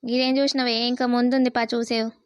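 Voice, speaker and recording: Cartoon role: cocky young boyfriend, played by a woman, rapid and crisp. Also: a little high, flat delivery, dry recording, studio quality, natural voice. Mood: teasing. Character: young male lover, cheerful and boastful.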